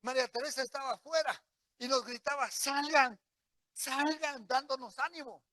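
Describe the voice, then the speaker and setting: Middle-aged preacher guy, really high voice, tells his story like he's living it, super dry sound. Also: fast talker, bright, forceful tone, no echo. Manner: vivid storytelling, acts out what people said. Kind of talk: sermon with personal testimony.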